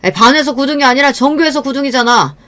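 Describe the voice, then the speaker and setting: A woman's voice: mid-range voice, very animated, moderate pace, mellow. A woman voicing a contemptuous middle-aged husband who snaps and belittles in a raised voice while reading a story aloud. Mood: scornful. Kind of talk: storytelling narration.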